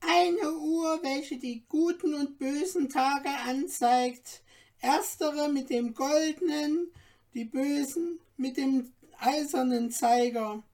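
A woman voicing a tiny, courteous and excitable male dwarf guide in a storybook reading, speaking in an ornate, eager way. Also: slow. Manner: ornate, polite, squeaky and eager.

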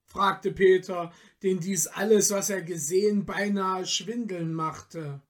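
High-voiced man reading a storybook slowly. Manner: calm, measured, quiet. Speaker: narrator.

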